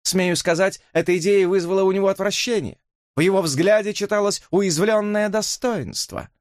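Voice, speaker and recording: A man's voice: high-pitched, moderate pace, no echo, studio quality, voice pushed up, lightly acted. A man reading an audiobook, voicing a flippant, mocking young woman who drawls her words. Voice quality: drawling, teasing.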